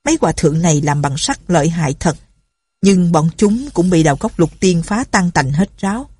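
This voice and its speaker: A woman's voice: on the low side, fairly quick, warm tone, breathy edge, no echo. A woman voicing boastful older male martial artists who brag in an audiobook. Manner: boastful, brash. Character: boastful old male martial artist, one of six brothers.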